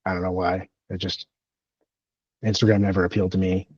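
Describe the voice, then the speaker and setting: A man in his early thirties talks casually on a podcast, rambling and self-deprecating, full of fillers and restarts. His voice sits a bit low, and the recording is dry and slightly dull, like a modest home mic. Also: little pitch movement, fairly quick, a little mellow, breathy edge, dry recording. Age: 30s. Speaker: podcast co-host. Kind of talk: casual chat.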